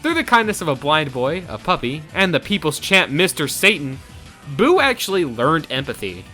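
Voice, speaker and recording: The male co-host of a versus show tells its scripted story in a dramatic, theatrical way at normal speed. His slightly high voice sounds pushed and bright and is very animated, with faint background music.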